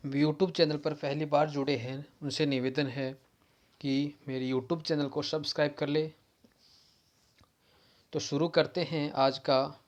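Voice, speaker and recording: Man teaching a grammar lesson. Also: mid-range voice. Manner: repeats key terms, pauses and restarts words. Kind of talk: exam-prep grammar lesson.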